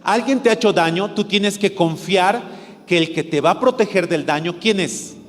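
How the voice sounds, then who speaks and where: A man's voice: sits high, normal speed. A male pastor with a Bolivian Spanish accent, preaching a sermon and asking his congregation questions that he answers himself. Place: church hall. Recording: echoey church hall with music.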